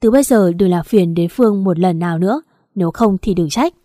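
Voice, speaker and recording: A woman reading a calm, firm young man. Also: fairly low pitch, fairly quick, dry recording, clean studio sound, close to an everyday voice. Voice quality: steady, composed, firm.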